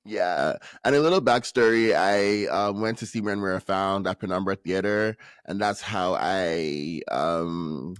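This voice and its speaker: A man with a very low voice hosts a podcast in a casual, upbeat way, often pausing on ums. The sound is dry and close, with no room around it. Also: no echo. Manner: upbeat, enthusiastic, many ums. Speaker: podcast host. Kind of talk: casual interview chat.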